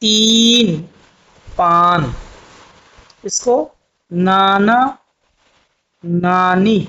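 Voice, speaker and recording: A man's voice: sits high, fairly even intonation, extremely slow, sharp tone, clean tone, low-quality recording. A man teaching Urdu script, patiently spelling out letters one by one. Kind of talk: slow spoken writing lesson.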